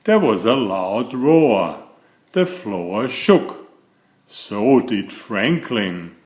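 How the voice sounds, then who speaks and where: A man reads a children's picture book aloud, telling the story in a deliberate, expressive way. His voice is medium-pitched, and the room is echoey.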